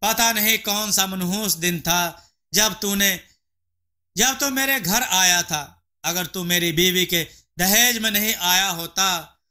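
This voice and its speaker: A haughty, harsh landlord barks at his poor tenants and his servant, as a man puts him on. The voice sits high and cutting, with a slow, deliberate scolding delivery. It is a storybook villain full of contempt. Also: pushed and bright, exaggerated voice. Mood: exasperated. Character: arrogant, harsh rich male landlord.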